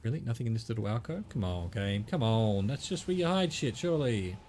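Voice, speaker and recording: A man chats casually through his gameplay in a mid-pitched voice. He is wry and swears freely, addressing the game as he goes. Clear background noise from the game runs behind his voice. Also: animated, fairly quick, darkish tone. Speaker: gamer commentating on own play.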